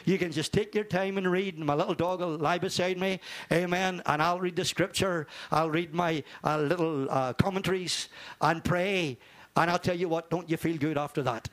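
A man's voice: fairly high pitch, fairly even intonation, moderate pace, a bit bright. An older man preaching an informal sermon, fervent and rambling, dropping in amen and hallelujah. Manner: rambling, repeats words.

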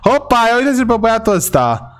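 Excitable high-voiced young Romanian gamer. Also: male voice. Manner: excitable, chatty, addresses viewers as brothers. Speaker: gaming YouTuber. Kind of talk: gameplay commentary.

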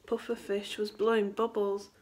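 A woman's voice: mid-range voice, moderate pace, slight background noise. A woman teacher reading a children's storybook aloud indoors and asking the children questions along the way. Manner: expressive, asks the children questions.

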